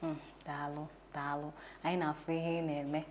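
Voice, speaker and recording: A woman's voice: low voice, flat delivery, moderate pace, darkish tone. A woman with an Igbo Nigerian accent, interviewing conversationally and mixing English words into her Igbo.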